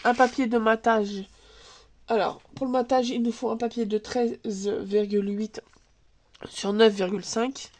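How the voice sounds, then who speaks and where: Working at her home table, a crafts channel host with a stuffy nose from a cold chats through a casual tutorial, using fillers and thinking aloud. Her voice is on the high side and darkish, with fairly even intonation at a measured pace, captured by a camera shooting from above.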